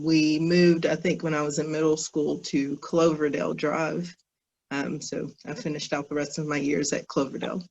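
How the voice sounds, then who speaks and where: Relaxed woman in her forties. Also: low-pitched, highs cut off. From Kentucky. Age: 40s. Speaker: panel participant. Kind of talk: personal introduction in a group conversation. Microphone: video call.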